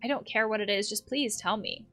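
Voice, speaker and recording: A woman reading as a gentle worried mom. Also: mid-range voice, fairly quick, faint music behind, lightly acted. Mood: concerned. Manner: gentle, motherly, reading in-game dialogue aloud. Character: caring worried middle-aged mother.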